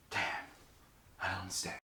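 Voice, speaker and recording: A man musing aloud in a puzzled, casual monologue. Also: sharp tone. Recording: roomy echo with faint hiss.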